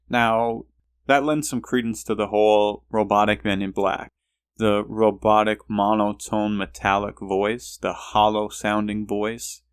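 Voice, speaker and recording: Musing male podcast host. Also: lowish voice. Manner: musing, hesitant, repeats himself while thinking aloud. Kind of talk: casual solo podcast storytelling.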